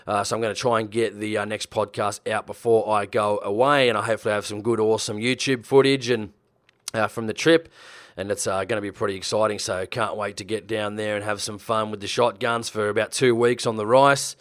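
A man's voice: fairly low pitch, level tone, a little fast, fairly bright tone, no room sound. A man with an Australian accent hosting a hunting podcast, talking casually with lots of fillers. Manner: laid-back, filler-heavy, friendly. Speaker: podcast host.

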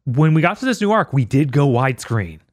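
A man's voice: mid-range voice, big pitch swings, fairly quick. A man co-hosting a podcast, chiming in casually with upbeat, agreeing remarks. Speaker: podcast co-host.

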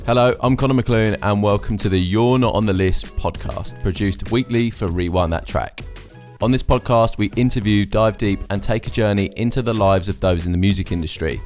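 A man's voice: on the low side, normal speed, a little mellow, faint music behind. A man hosting a podcast, moving between scripted intro and casual interview. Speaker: podcast host.

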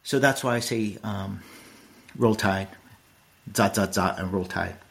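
A middle-aged man talks through a casual podcast monologue, blunt one moment and earnest the next. His voice sits a little low, and his delivery rambles. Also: measured pace, vocal fry. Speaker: podcast host.

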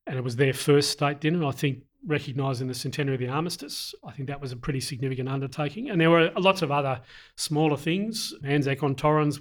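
A middle-aged man, an army veteran, answering interview questions in a deliberate, earnest way with frequent pauses. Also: mid-range voice. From Australia.

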